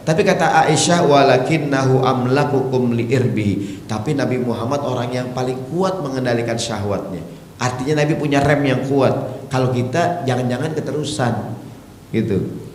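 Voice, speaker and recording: A man giving a humorous sermon, joking with the congregation and acting out voices. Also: mid-range voice. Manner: joking, lively, acts out voices. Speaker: preacher. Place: mosque hall. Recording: echoey hall, faint background noise.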